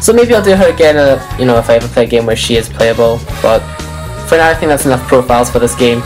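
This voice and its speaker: A woman's voice: rumbling low, animated, quick pace, a little mellow, rough recording. A woman casually commenting on a video game, rambling and correcting herself as she goes. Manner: rambling, self-correcting, chatty. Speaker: let's play commentator. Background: faint game music.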